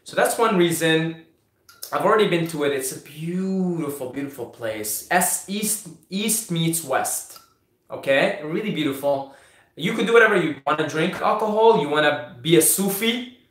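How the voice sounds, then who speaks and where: A young man originally from Syria hosts a casual live question-and-answer stream, answering viewer questions in an echoey room. His fairly high voice is animated and fairly bright at a moderate pace, and he often repeats words and talks through fillers and restarts.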